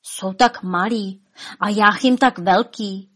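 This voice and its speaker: A woman narrating a children's story in a calm, gentle reading voice. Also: medium pitch, slightly rough.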